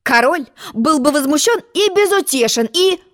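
A woman voicing a pompous, boastful egg-shaped male character in a storybook reading, haughty and quick to take offense. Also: high-pitched, expressive, pitched above the performer's own voice.

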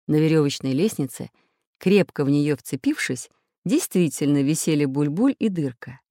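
Man narrating an expressive storybook. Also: a little high, moderate pace, no room sound, studio quality. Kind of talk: audiobook narration.

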